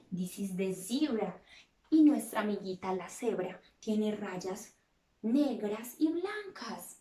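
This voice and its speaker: A woman teaching a bilingual lesson to small children, in a slow, exaggerated and playful way with gasps of surprise. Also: mid-range voice, darkish tone. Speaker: preschool teacher. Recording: roomy, distant from the mic.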